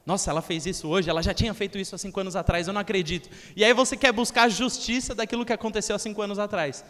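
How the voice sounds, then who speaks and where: A man's voice: high-pitched, fairly even intonation, racing, fairly bright tone. A young man preaching a sermon in a church hall, talking conversationally and acting out the people he quotes. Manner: conversational, acts out quoted voices. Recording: long reverb of a church hall.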